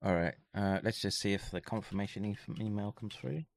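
A man's voice: fairly low pitch, brisk, gravelly. A man vlogging in a casual, chatty way, muttering to himself between remarks to his viewers.

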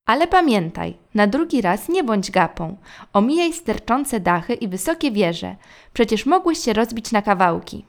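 A woman voicing a kind, resourceful magical mother who talks in a brisk, cheerful, fussing way. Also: a little high, very animated. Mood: gentle scolding.

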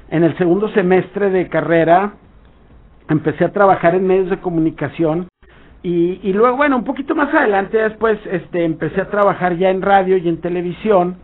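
A Mexican man telling a rambling anecdote on a radio show, acting out bits of dialogue. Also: sits high. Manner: rambling storytelling with acted-out dialogue. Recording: tinny phone-like sound.

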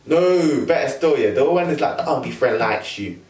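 A man's voice: medium pitch, moderate pace. Echoey young London roadman chatting. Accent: London roadman, multicultural London English. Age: young adult. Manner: slangy, animated storytelling with quoted asides. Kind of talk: casual chat. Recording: roomy echo, distant from mic.

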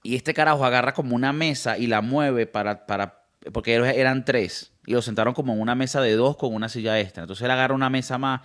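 A Venezuelan man telling a story in casual chat, slangy and animated, acting out the people he quotes. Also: mid-range voice, fast talker. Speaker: podcast co-host.

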